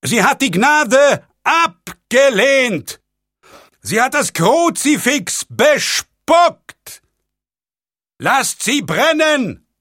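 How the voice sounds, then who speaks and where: A man's voice: very high-pitched, sing-song, bright, forceful tone, no room sound, studio quality, pitched above the performer's own voice, full character voice. A man reading an audiobook, voicing a man bellowing from a crowd. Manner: bellowing, slow and heavy.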